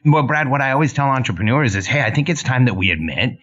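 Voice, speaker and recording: A man in his 40s who grew up in Mexico and Southern California tells his story earnestly as a podcast guest, restarting his sentences often in this casual interview. He talks fast, with a mid-range, slightly bright voice and lively intonation, heard over a muffled lo-fi line.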